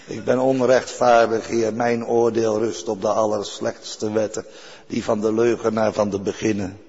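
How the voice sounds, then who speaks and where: A man's voice: on the low side, flat delivery, normal speed, darkish tone, husky. An older man preaching a sermon in an earnest way, repeating key phrases for weight. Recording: dull recording with long church reverb.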